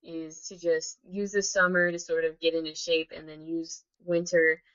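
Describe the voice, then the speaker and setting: A woman's voice: deep voice, flat delivery, moderate pace, fairly bright tone. A woman co-hosting a podcast, chatting casually with lots of "like" fillers. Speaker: podcast co-host. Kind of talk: casual chat. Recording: dull lo-fi sound.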